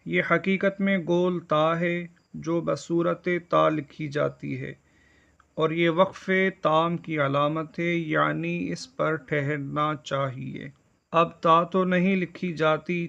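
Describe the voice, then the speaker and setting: A man gives a religious lesson, explaining each point in a measured, deliberate way. His voice is bright and gravelly. The recording sounds dull and lo-fi. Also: on the high side, fairly even intonation. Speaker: Islamic studies teacher.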